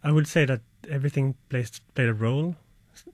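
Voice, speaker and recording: A man from Finland, an artist answering slowly and reflectively, searching for words. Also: mid-range voice, no echo. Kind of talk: interview answers.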